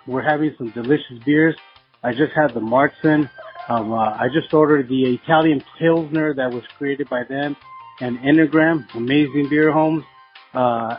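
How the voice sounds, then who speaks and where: A man from the San Fernando Valley leaving a casual voicemail over the phone, laid-back and slangy, calling everyone "homie.". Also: mid-range voice. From San Fernando Valley, California. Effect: heard over a phone line as a recorded voicemail. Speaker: podcast listener leaving a voicemail. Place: brewery taproom.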